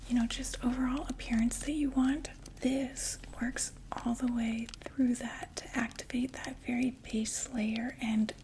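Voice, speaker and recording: In an ASMR roleplay, a young woman plays a talkative undead vampire saleswoman who whispers her pitch up close and hushed. Her voice is slightly high, and her relaxed sales talk is sprinkled with small fillers. The audio quality is poor.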